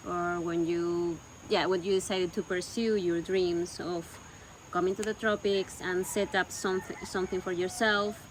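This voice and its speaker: A Peruvian woman whose first language is Spanish talks casually at home, searching for words and repeating herself. Her voice is fairly low with fairly even intonation and normal speed, and the low-quality recording carries faint noise behind her.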